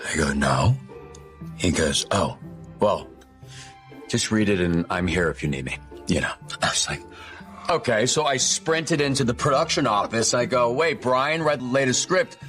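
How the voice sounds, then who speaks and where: A man in an interview telling a wry, animated story, acting out the other people's lines. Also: sits low, normal speed, soft background music. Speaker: actor in an interview. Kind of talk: interview anecdote.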